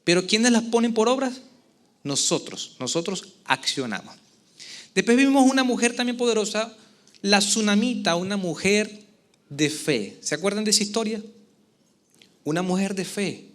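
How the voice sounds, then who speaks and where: A man preaching a sermon as pastor to a church congregation, with expressive delivery and frequent questions to the listeners. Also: high-pitched, moderate pace, long pauses. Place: church service before a congregation.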